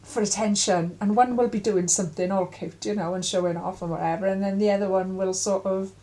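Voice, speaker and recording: A middle-aged woman giving an intuitive tarot reading in a musing, halting way with many fillers. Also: mid-range voice, fairly even intonation, mellow, poor audio. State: coughing at times. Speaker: tarot reader.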